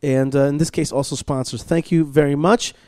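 A man's voice: fairly high pitch, steady tone, fairly quick, a little mellow, no room sound. A man hosting a radio talk show, chatting casually and doing sponsor plugs with many restarts and fillers. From Israel. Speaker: podcast host. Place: studio at a learning center.

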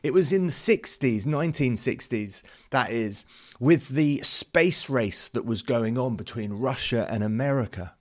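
A man's voice: mid-range voice, animated, unhurried. Male podcast host from the UK, earnest and conversational, devotional talk with plenty of fillers. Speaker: youth ministry podcast host.

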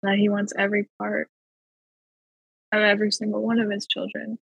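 A woman with a husky, slightly breathy voice tells her personal faith testimony as a podcast guest. She speaks earnestly and slows down to lean on the words that matter. The sound is close and dry, with little room around it. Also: mid-range voice, completely flat delivery, a bit bright, dry recording, poor audio. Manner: earnest, slow and emphatic on key phrases.

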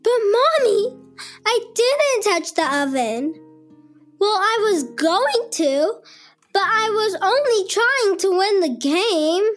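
A woman's voice: very high voice, expressive, slow pace, soft background music, full character voice. A performer voicing a curious little girl who pleads with the grown-ups in a children's show. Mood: pleading.

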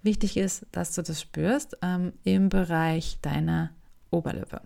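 A woman, hosting her own podcast as a voice coach in a relaxed, chatty way with frequent fillers. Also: lowish voice, measured pace, gravelly. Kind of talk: casual solo podcast talk.

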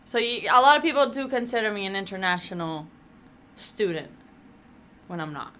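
A young woman in her early twenties who grew up in Greece, answering a host's questions as a graduating student. Her voice is bright with a mid-range pitch, and she talks in a loose, chatty way with lots of fillers. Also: moderate pace, a little hiss or hum. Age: early 20s. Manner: chatty, uses many fillers. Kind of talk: casual interview answers.

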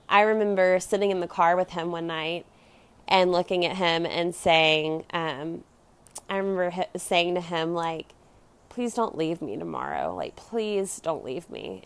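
A woman's voice: on the low side, smooth, dry recording. A young American woman with a Valley Girl accent and lilting uptalk, telling personal stories in a casual, confessional way, peppered with filler words. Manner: conversational, peppered with "like" and "you know". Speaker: podcast host.

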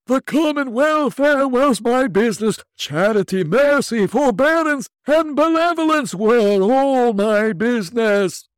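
A chained, mournful ghost. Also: male voice, lively intonation, clean tone, no echo. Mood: anguished. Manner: slow, mournful, booming declamation. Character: wailing male ghost of an old businessman, chained and tormented. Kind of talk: storybook reading.

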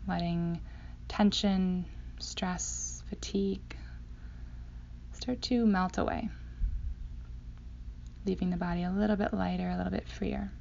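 A woman guides a meditation in a slow, hypnotic manner. Her delivery is soothing and very even in pitch, with a creaky edge that turns breathy as phrases trail off. The recording is slightly dull. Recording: dull sound, faint background noise.

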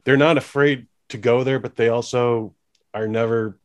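A man hosting a casual podcast chat, talking in an animated way and acting out scenes he describes. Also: mid-range voice, moderate pace. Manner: animated, acts out quotes. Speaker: podcast host.

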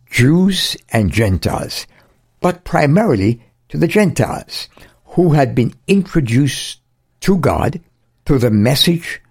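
Slow, expressive male Bible teacher. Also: mid-range voice, creaky, slightly rough. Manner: earnest, emphatic repetition. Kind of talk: radio sermon.

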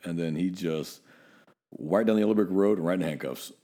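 A man's voice: low voice, fairly quick, dark tone. A middle-aged man from Northern California, a police officer co-hosting a podcast, telling blunt, profane stories in casual chat.

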